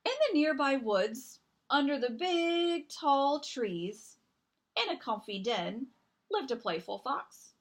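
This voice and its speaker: A woman with a high voice reads a children's picture book aloud as a storyteller, narrating expressively and deliberately with dramatic emphasis.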